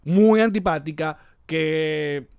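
A man's voice: fairly high pitch, slow, a little mellow, clear, resonant tone, no echo, clean studio sound. Joking Venezuelan man on a podcast. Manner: joking, laughs often, reads listener comments aloud. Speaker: podcast co-host. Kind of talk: casual chat.

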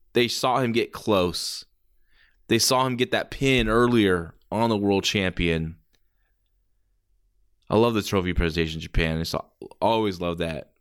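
Low-voiced man calling wrestling like a commentator. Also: fairly bright tone. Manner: reacts in exclamations, swears casually. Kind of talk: casual play-by-play wrestling commentary.

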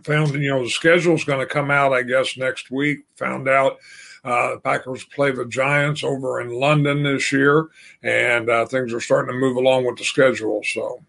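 A man's voice: medium pitch, level tone, moderate pace, creaky, fairly bright tone. An older man, the host's father, talking sports casually and rambling with many fillers and restarts. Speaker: podcast guest.

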